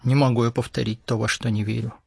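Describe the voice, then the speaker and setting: Brief: man reading a firm, stubborn schoolboy, gravelly, husky. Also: medium pitch, fast talker, no room sound. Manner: calm and firm.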